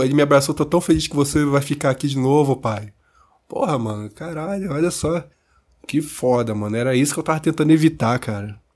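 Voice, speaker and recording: A man's voice: mid-range voice, darkish tone, slightly rough. A man with a Brazilian Portuguese accent venting in a casual monologue, firing off rhetorical questions with slang and swearing. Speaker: vlogger.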